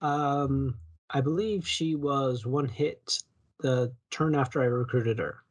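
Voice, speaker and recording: A man's voice: medium pitch, slow. A man co-hosting a podcast, chatting casually about video games in a rambling, self-correcting way. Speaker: podcast co-host.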